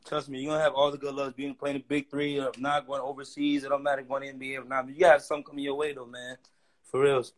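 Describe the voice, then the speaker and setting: Caught on a phone's front camera, this twenties-aged livestream guest chats casually, slangy and insistent, restarting his sentences again and again. He speaks quickly in a flat, medium-pitched voice, and the recording is rough.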